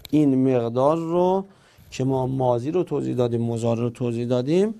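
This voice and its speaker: A man's voice: mid-range voice, gravelly, dark tone. A man teaching an Arabic grammar lesson, explaining step by step and answering his own questions.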